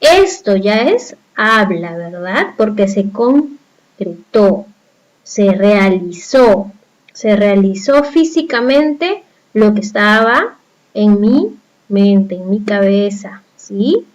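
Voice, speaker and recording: Slow Peruvian woman teaching a lesson. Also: medium pitch, expressive, dull audio. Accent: Peruvian Spanish. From Peru. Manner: explains step by step, often asking the class rhetorical questions. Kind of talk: recorded classroom lesson.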